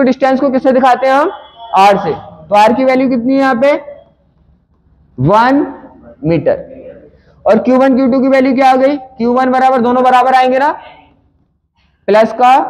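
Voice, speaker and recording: High-voiced man teaching physics problems. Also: moderate pace, long pauses, poor audio. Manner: conversational, asks students questions and answers them himself. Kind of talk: explaining a numerical problem to students.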